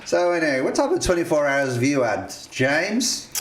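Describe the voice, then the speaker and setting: A man's voice: fairly high pitch, very animated, moderate pace, heavy background noise. Middle-aged Texan man, podcast host, folksy drawl. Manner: folksy, drawling, with emphatic repeats. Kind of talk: casual chat.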